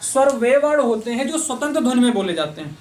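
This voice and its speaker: A man's voice: extremely high pitch, sing-song, fast, darkish tone. Male teacher, exam-prep class, asks then answers his own questions, repeats points, voice a bit far from the mic. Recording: voice somewhat distant from the mic.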